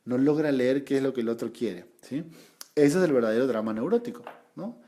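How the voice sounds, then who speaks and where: A man's voice: mid-range voice, expressive, a little fast, dark tone. A man with an Argentine Spanish accent teaching a study group in an explanatory lecture, often adding rhetorical tag questions and repeating points for emphasis.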